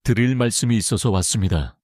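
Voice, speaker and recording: Polite young guy asking around read by a man, formal, low voice, dry. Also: expressive, fast talker, a little mellow, dry recording.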